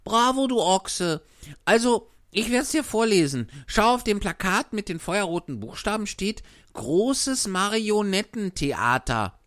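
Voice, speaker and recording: A woman's voice: mid-range voice, animated, measured pace, dry recording, clean studio sound, close to an everyday voice. A woman voicing a teasing, sensible village boy who mocks the puppet's offers.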